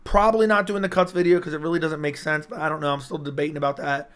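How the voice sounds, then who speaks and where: Hosting a casual livestream as an MMA YouTuber, a young man rambles with hype and talks directly to chat, reading viewer comments into his personal streaming mic. His fairly high, smooth, slightly bright voice comes out flat and fast, strained and cutting in and out.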